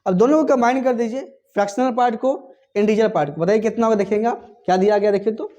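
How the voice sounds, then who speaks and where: A man's voice: sits high, quick pace, a little mellow. A male teacher giving a classroom lecture, asking questions and answering them himself, chanting times tables aloud. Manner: call-and-response questioning, answering his own questions.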